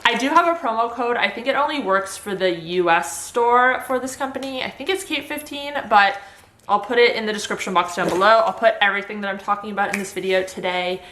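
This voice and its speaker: Woman, bright forceful voice, casual vlog chat, upbeat and informal, roomy echo. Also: mid-range voice, a little fast, a little hiss or hum. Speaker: vlogger sharing surgery recovery tips.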